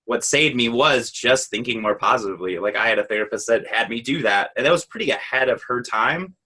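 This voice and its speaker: A man's voice: mid-range voice, animated, brisk, bright, forceful tone, husky. A man co-hosting a podcast, explaining his views earnestly in casual, run-on sentences. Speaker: podcast co-host. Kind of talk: casual conversation.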